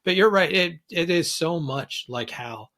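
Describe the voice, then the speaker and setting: A man's voice: a little high, expressive, unhurried, bright, forceful tone. A man as a guest on a podcast in casual chat, thoughtful and hedging, often restarting his sentences.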